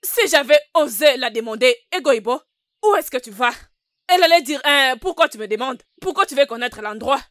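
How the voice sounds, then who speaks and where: A woman's voice: high-pitched, expressive, a little fast, a bit bright, dry recording. A woman voicing a jealous, scheming co-wife in a dubbed film, harsh and threatening. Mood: resentful.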